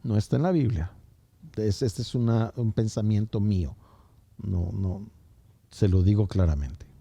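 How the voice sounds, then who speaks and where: Male pastor, slow sermon delivery, very dark tone, shifts from loud to hushed. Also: on the low side, gravelly, no room sound. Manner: swings from loud preaching to hushed near-whispers; addresses listeners directly as brothers.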